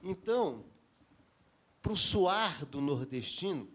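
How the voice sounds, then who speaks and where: A man's voice: fairly high pitch, big pitch swings, slow pace, husky, dull audio. A man from the Brazilian Northeast on a panel, commenting at length and restarting his sentences often. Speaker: panel member. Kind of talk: panel discussion.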